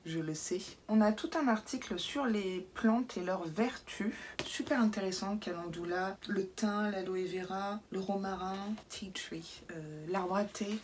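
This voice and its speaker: A woman's voice: medium pitch, unhurried, a little hiss or hum. Chatty woman unboxing to camera. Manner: chatty, drops into soft asides. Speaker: beauty box unboxing vlogger. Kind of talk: casual unboxing chat to camera. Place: indoor room lit by bright lamps.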